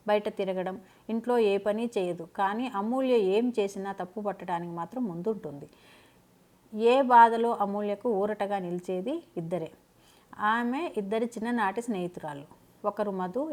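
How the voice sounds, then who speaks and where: In a mid-range voice, a woman narrates a scripted family drama, keeping her storytelling steady yet dramatic.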